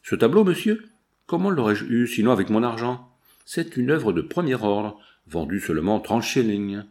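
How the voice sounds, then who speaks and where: A man reading the part of a pushy woman furniture dealer, full of brisk sales patter. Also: lowish voice, animated, darkish tone, lightly acted.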